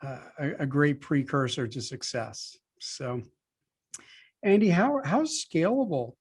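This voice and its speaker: A man's voice: on the high side, lively intonation, takes it slowly, husky. A man hosting a podcast, asking conversational questions with some hesitation. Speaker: podcast host. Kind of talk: interview questions.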